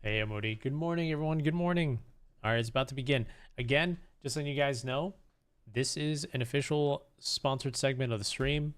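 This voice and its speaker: The livestream host speaks briskly and smoothly in a mid-range voice. He chats casually with viewers, wandering off topic, pausing hesitantly, and often repeating himself.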